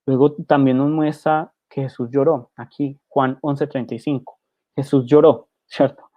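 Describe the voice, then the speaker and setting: A man's voice: mid-range voice, steady tone, moderate pace, highs cut off. A man preaching a sermon, explaining scripture and often asking his listeners a rhetorical question. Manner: rhetorical, keeps asking "¿cierto?"; reads scripture aloud between explanations.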